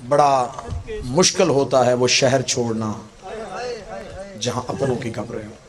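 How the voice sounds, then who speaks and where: A man's voice: medium pitch, fairly even intonation, a little slow. A male Islamic scholar delivering a mourning sermon in an impassioned, mournful declamation with wailing cries. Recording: crowd audible behind speaker. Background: gathered congregation.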